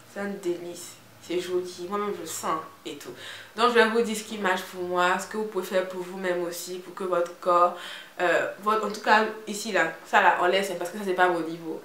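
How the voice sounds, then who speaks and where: Frank young Ivorian woman vlogging. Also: medium pitch. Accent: Ivorian French. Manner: animated, frank, talks straight to viewers. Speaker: beauty vlogger. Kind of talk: casual chatty vlog. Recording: roomy echo with faint hiss.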